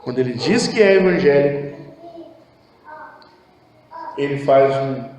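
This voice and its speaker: Recorded in an echoey church hall with long reverb and a noisy background, a Brazilian Portuguese-accented pastor delivers an expressive sermon at a measured pace. His passion swings from hushed, low phrases to raised exhortation.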